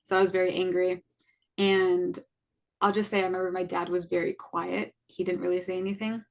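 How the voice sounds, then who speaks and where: Gravelly young woman telling her story. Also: lowish voice, little pitch movement, fairly quick. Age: 20s. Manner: earnest, frequent fillers like "like". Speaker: podcast co-host. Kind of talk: casual personal storytelling.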